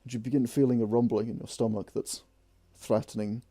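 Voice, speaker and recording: A man narrating as game master in a relaxed, chuckling way. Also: mid-range voice, fairly quick, dry recording.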